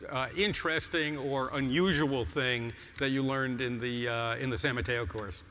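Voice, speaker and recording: A man's voice: medium pitch, steady tone, moderate pace. A man hosting a stage interview at a conference, chatty, with many restarts. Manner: warm, chatty, stumbling restarts. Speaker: host on stage. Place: large conference hall. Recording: reverberant hall, stage mic.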